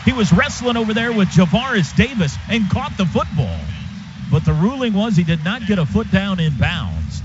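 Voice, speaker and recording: A man with a high, sing-song voice calls an American football game live on the radio, speaking at a moderate pace in clipped, descriptive phrases. The broadcast sounds dull, with clearly audible background noise.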